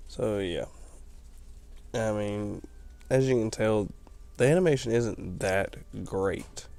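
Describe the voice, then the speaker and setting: A man's voice: on the low side, expressive, slow pace, gravelly, darkish tone. A tired man rambling through casual gameplay commentary, explaining things as he plays late at night. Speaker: let's play commentator.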